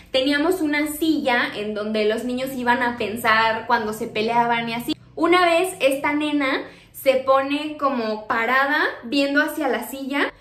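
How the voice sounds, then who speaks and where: Young Mexican woman, high voice, animated storyteller, roomy echo. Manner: animated, re-enacts dialogue, many fillers. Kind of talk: casual spooky storytelling.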